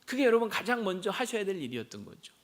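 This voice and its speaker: A man's voice: high-pitched, very animated, quick pace. A middle-aged male pastor preaching a Sunday sermon, often talking straight to the congregation and asking them rhetorical questions he then answers. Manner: addresses listeners directly and often; leads a group Bible reading. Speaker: senior pastor.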